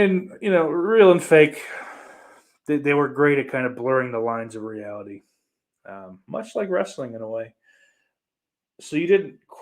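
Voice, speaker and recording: A podcast host with a medium-pitched, slightly bright voice chats casually and answers listener comments. His manner is blunt and profane.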